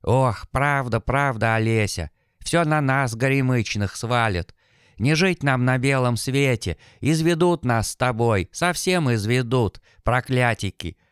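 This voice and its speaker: A man's voice: mid-range voice, expressive, measured pace, smooth, dry recording, clean studio sound, close to an everyday voice. A man reading an audiobook, voicing a grumbling old village woman who mumbles and laments. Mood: lamenting.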